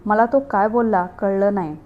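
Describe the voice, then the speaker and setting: A woman narrating a first-person story in a steady, earnest way. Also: medium pitch, moderate pace, narrow, tinny audio, faint music behind.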